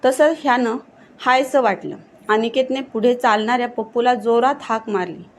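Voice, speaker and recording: A woman narrating a horror story in a steady, suspenseful storytelling manner. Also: on the high side, moderate pace, a little hiss or hum.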